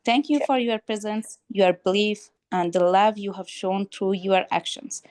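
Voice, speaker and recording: A young woman from Afghanistan gives a grateful, somewhat hesitant message over a video call. Her pitch is ordinary, and her voice comes through dry and close. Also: steady tone, a little slow, darkish tone, no echo. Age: young adult. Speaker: program participant. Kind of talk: prepared thank-you message.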